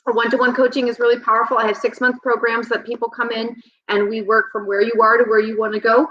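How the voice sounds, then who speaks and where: A woman in her thirties, a health and nutrition coach talking as a guest in a relaxed interview, reflective and rambling with frequent ums. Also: on the high side, quick pace, slight background noise. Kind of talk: casual conversational interview. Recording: slightly dull, lo-fi sound.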